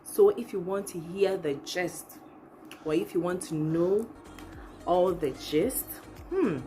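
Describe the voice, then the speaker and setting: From a living room with background music, a young channel host with a Ghanaian accent chats expressively and casually to her viewers. She takes her time, speaking in a lowish, dark voice.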